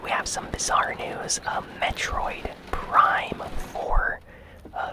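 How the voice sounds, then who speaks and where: An ASMR gaming news host speaks entirely in a soft whisper, breathy and casual, with very little voiced tone. The unhurried, conversational delivery comes through on a rough recording.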